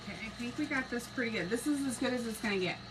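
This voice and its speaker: A woman's voice: fairly high pitch, lively intonation, rapid-fire. Texan woman, crafter hosting a live stream, chatty and laughing, noisy hiss behind. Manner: chatty, laughs often, greets viewers by name. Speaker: craft channel host reading live chat. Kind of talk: casual live-stream chat while painting.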